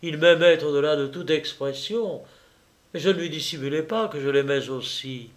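Man narrating a classic novel, measured. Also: a little high. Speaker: audiobook reader. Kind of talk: scripted literary narration.

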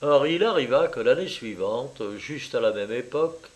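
A man reading a literary story aloud in a measured, expressive way. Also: mid-range voice, low-quality recording. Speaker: audiobook reader. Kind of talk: literary narration.

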